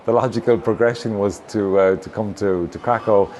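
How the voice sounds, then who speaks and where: A man's voice: fairly low pitch, fairly even intonation, moderate pace, darkish tone. A man from Galway with a west of Ireland accent, answering interview questions as a stage actor and often feeling for his words. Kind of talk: interview answers about own work. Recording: clearly noisy location recording with ambience.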